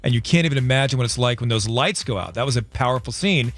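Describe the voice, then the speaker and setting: A man in his forties hosting a morning radio show, joking around with quick asides. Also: mid-range voice. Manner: animated, jokey, quick asides. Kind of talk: casual radio banter. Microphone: studio microphone.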